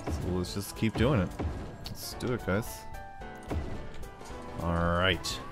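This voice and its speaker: Low-pitched and slow, this American gaming video host rambles playfully through his gameplay, thinking out loud. He frequently puts on mock drawls, and music plays underneath.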